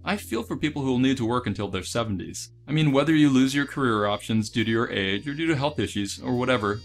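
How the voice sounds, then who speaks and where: A man's voice: medium pitch, fairly bright tone. A man hosting an investing channel, delivering scripted voice-over commentary in an earnest, advisory way. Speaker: dividend investing channel host.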